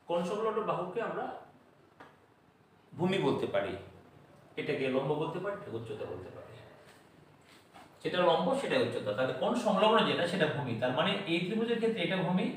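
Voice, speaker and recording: High-voiced man teaching in an echoey room. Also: a little hiss or hum. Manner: slow, deliberate teaching with repeated memory rhymes. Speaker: math teacher. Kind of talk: classroom math lesson. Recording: echoey room, voice far from the mic.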